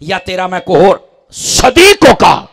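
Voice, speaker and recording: A man with a Punjabi accent delivers a fiery sermon, his high voice leaping wildly across its range. His tone is bright and cutting, and he drops from quiet asides into impassioned shouting. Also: wildly swooping pitch, slow pace. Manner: impassioned, swings from murmurs to shouted climaxes. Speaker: preacher.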